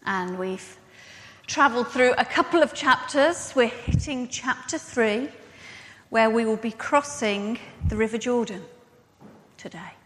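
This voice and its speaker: A woman's voice: on the high side, a little slow, a bit bright. A woman pastor preaching a sermon, telling a story about herself in a chatty, self-mocking way. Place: church. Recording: long church reverb.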